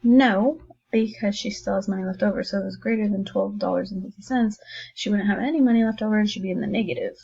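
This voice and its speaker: A woman teacher walks her students through math problems in a recorded online lesson, chatting and encouraging them as she writes. Her voice is dark and gravelly, with a husky edge. The recording sounds dull and lo-fi. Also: mid-range voice, fast. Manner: chatty, encouraging, thinks aloud while writing.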